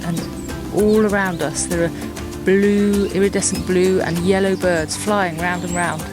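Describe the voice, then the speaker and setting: A woman with a slightly low voice gives casual descriptive commentary as an outdoor co-presenter. Music plays clearly behind her. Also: fairly even intonation, unhurried. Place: outdoors in African landscape.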